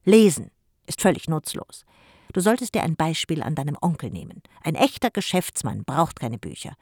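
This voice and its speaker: Grumpy middle-aged uncle, scolding, loud, raised pitch, read aloud by a narrator, dry audiobook. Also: very animated, normal speed, dry recording.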